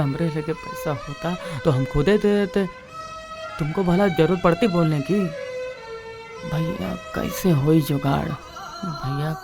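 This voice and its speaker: An actor playing a folksy village friend who coaxes and advises. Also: male voice, fairly high pitch. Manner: coaxing, folksy, drawn-out calls. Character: village fixer friend, man, folksy and coaxing. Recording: film soundtrack with background music.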